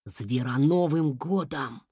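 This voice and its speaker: A storyteller voicing an odd, timid male rabbit who talks slowly and earnestly, sometimes in a hush. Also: medium pitch, very animated, no room sound, clean studio sound, pitched above the performer's own voice. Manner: slow, earnest, hushed.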